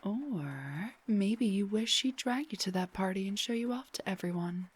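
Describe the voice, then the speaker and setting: Playing a teasing, playful young rock singer in an intimate roleplay audio drama, a woman talks softly and breathily, often nearly whispering. Her mid-range voice has lively intonation and a breathy edge.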